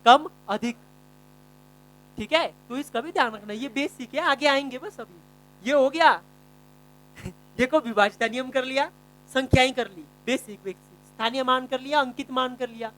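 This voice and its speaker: A male math teacher giving a classroom lesson, quizzing students by name and repeating key phrases slowly. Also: extremely high pitch, fairly bright tone, poor audio.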